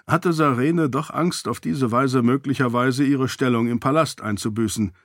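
A man's voice: medium pitch, dry recording. Man narrating, dry close sound. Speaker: audiobook narrator. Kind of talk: scripted fantasy narration.

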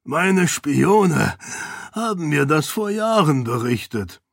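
A hearty, booming nobleman from a storybook, jovial but shrewd, played by a male narrator. His voice is raised and strong, yet unhurried. The sound is dry and close. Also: sing-song, vocal fry, dry recording, full character voice. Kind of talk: audiobook character voice.

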